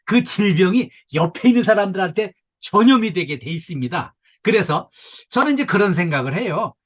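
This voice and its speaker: An older man giving a workplace safety lecture to staff, lively and coaxing, now and then mimicking nagging voices and leading the room through stretches. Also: high-pitched, fairly quick. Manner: leads audience through stretches. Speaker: safety instructor.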